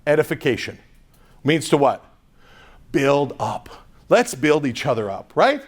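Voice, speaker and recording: Man, motivational speaker, fairly high voice, energetic, animated storytelling. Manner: energetic, animated storytelling with quick asides to the audience. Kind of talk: motivational talk to a live audience.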